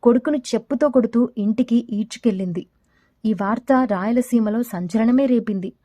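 Woman narrator, dramatic story reading, fairly high but mellow voice, dry close sound. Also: normal speed.

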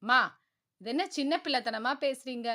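A cheerful, easygoing young man who talks in a breezy, chatty manner, as a woman narrator puts him on. The voice is bright and pitched high. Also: normal speed.

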